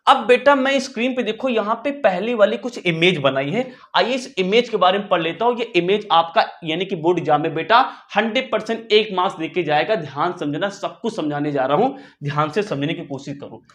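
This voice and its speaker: Teaching maths to school students online, an Indian-accented man speaks in a high, animated, fairly bright voice, brisk and nearly pause-free. His style is informal and familiar: he repeats phrases, coaxes attention and often checks understanding with questions.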